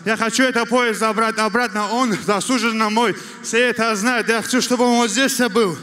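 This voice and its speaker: A male fighter answers in a post-fight interview. His voice is strikingly high and sounds bright and tense. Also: steady tone, a little fast. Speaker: professional fighter.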